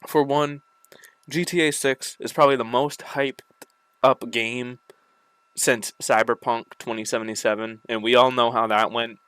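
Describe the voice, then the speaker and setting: Dude ranting about games w a slight retainer lisp, smooth clear voice, dry sound. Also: male voice, mid-range voice, steady tone, moderate pace, fairly bright tone, dry recording. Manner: annoyed, ranting, swears freely, repeats words. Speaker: gaming video creator. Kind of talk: casual rant to camera.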